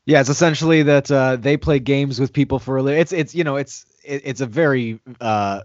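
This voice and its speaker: A man's voice: medium pitch, fairly quick, no room sound. Give me an easygoing male co-host on a lo-fi video call. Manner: easygoing, laughs easily. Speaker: podcast co-host. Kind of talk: casual chat.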